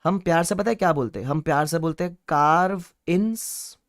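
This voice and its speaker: A man with a fairly high voice teaches an online exam-prep class at normal speed in a lively classroom-lecture style. He repeats key points and adds playful asides. The recording is dry and studio quality.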